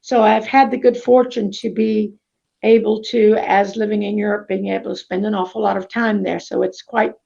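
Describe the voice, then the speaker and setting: Speaking in a medium-pitched, gravelly, warm voice with a flat delivery at normal speed, a Greek-native woman from Florida recounts her life as a summit speaker. She chats and rambles, cutting herself off mid-thought, over dull, lo-fi video call audio.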